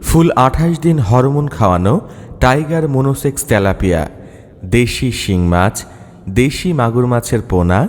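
A male announcer declaims an emphatic sales pitch that sounds as if it is blaring over a PA loudspeaker. His voice sits at an ordinary middle pitch. A long reverb trails each phrase, as if it is bouncing around a big open space. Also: animated, normal speed. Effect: echoing announcement as if over a PA loudspeaker.

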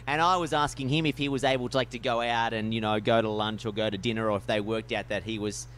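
A man recounting an anecdote in chat-show conversation, animated and quoting others. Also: mid-range voice, quick pace, a little hiss or hum.

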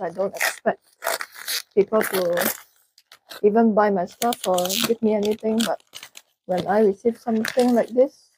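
A woman's voice: medium pitch, darkish tone, breathy edge, poor audio. A woman in her thirties with a Singaporean English accent, chatting casually on her vlog on a lapel mic in an office. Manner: chatty, self-mocking, speeds up in bursts. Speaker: trading educator. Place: office with bookshelves, indoors.

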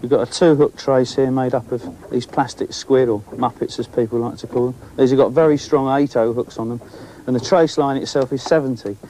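Here a mid-pitched male host talks fairly quickly, hardly pausing, over slight background noise. He's a middle-aged man fronting a fishing show at sea, excitedly chatting and remarking on what he reels in from the boat. The talk is relaxed, on-the-spot commentary given as he fishes.

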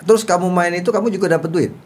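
Guy hosting a chill interview, slightly high voice, keeps going "ah, iya iya". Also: very fast, darkish tone, husky. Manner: constant short backchannel, curious follow-up questions. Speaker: interview host. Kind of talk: casual interview.

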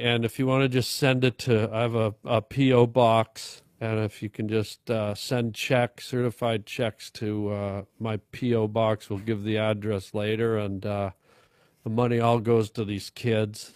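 A middle-aged man making a mock-earnest comedic pitch in a halting, deadpan way into a studio mic. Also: smooth, no room sound. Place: podcast studio. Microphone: boom-arm studio mic with headset.

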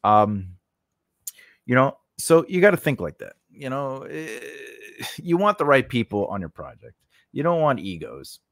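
He speaks at a measured pace but is very animated, with a mid-range, fairly bright voice and no room sound. As host of a casual screenwriting lesson, he rambles in a chatty way full of "you know" and "right?", close to a boom-mounted large condenser mic in a small home studio.

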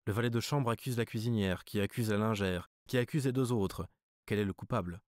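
Low-voiced male audiobook narrator. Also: darkish tone, no room sound, clean studio sound. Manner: measured, literary reading. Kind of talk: scripted narration.

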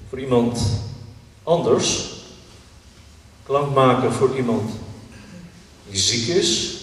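A man calmly guiding a group through mantra singing, in a slow, measured, soft way. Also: mid-range voice. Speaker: meditation leader. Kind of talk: calm spoken guidance. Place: large hall, in a group. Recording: echoey hall, mic far off.

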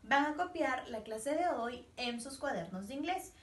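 Lively high-voiced woman teaching slowly. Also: echoey room, recorded from a distance. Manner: animated, singsong teacher voice, repeats words for children. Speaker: English teacher for young children. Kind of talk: bilingual lesson, slow and drilled repetition.

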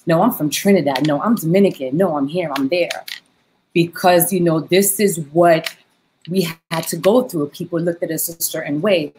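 A woman's voice: fairly low pitch, normal speed, a little mellow, a little hiss or hum, poor audio. A woman from a Haitian family in New York, speaking earnestly on a video call with many fillers. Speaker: panelist, dancer. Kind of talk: casual panel chat on video call. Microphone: laptop mic on video call.

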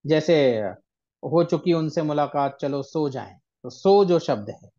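A man's voice: on the high side, unhurried, mellow. Male poetry teacher, patient, counts syllables aloud, dull lo-fi call audio. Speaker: ghazal teacher. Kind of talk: online workshop lesson.

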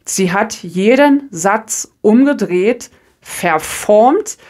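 A woman's voice: medium pitch, drawn-out words. Chatty German woman reading tarot. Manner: chatty, self-deprecating, animated storytelling. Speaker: tarot reader. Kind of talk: casual chat.

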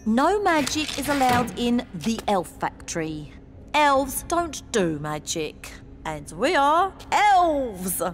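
A woman's voice: on the high side, sing-song, slow pace, slight background noise. A woman voicing a polite, businesslike elf receptionist in a cartoon. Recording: cartoon soundtrack with music.

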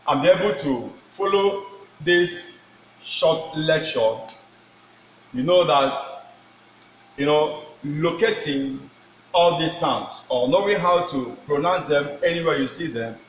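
Slow, echoey middle-aged man teaching. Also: on the high side. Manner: slow, repetitive drilling with rhetorical questions. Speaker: French teacher. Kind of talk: whiteboard pronunciation lesson. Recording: echoey room, dull sound, faint noise.

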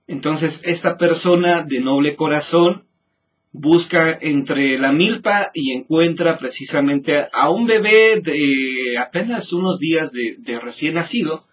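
A man with a Mexican accent and a slightly high, husky voice muses slowly through a spooky legend. He pauses, doubles back and restarts his sentences as he thinks aloud. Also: fairly bright tone. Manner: musing, halting, frequent restarts. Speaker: host. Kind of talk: storytelling commentary.

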